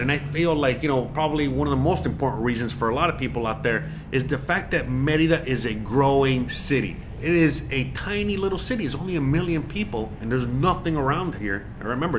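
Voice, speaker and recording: A man's voice: medium pitch, lively intonation, fairly quick, noisy background. A man in his forties from Miami, talking in a casual vlog monologue, rambling and emphatic with lots of fillers. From Miami, USA. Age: 40s. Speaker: vlogger.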